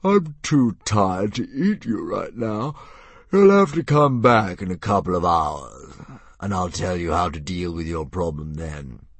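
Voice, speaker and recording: Man voicing a slow, drawling old dragon. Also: low voice, expressive, husky, no echo, full character voice. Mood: sleepy. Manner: slow, drawling, courteous menace. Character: huge old male dragon, sleepy, smug, polite.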